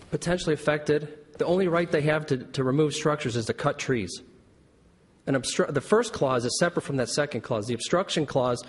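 An American man argues as a lawyer before a court, formal but insistent. His voice is husky and carries long room reverb. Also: on the high side. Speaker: lawyer arguing an appeal. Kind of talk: formal oral argument in court. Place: large indoor courtroom.

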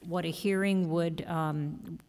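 Female judge, bench questioning, challenging, halting, slightly low pitch, reverberant hall. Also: fairly even intonation, a little mellow.

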